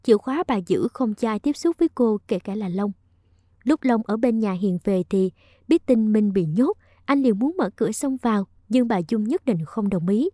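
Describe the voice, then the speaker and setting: A woman's voice: mid-range voice, lively intonation, normal speed, dark tone, no room sound, clean studio sound. A woman narrating a romance story aloud with emotive storytelling.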